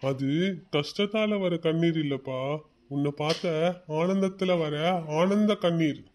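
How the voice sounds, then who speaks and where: A supportive, reassuring cartoon friend with a somewhat high male voice, as a man acts him out. He comforts and encourages in an easy, friendly tone. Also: a little slow, a little mellow, a little hiss or hum, lightly acted. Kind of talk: cartoon voice acting.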